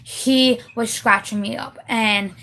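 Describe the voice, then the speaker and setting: Woman vlogger, higher-pitched voice, heated swearing rant, emphatic stresses. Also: fairly even intonation, slow pace, bright, forceful tone, poor audio. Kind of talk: casual direct-to-camera rant.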